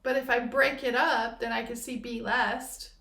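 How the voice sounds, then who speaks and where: A woman's voice: fairly high pitch, fairly even intonation, normal speed, pushed and bright. A woman hosting a podcast, musing in reflective spiritual chat and playing on the meanings of words. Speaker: podcast host. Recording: echoey room.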